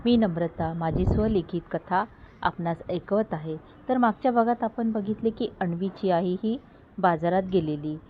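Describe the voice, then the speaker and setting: A woman narrating her own horror story, acting out the characters' lines with a lifted voice. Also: moderate pace. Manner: acts out characters' lines with raised pitch. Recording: phone-like audio with faint noise.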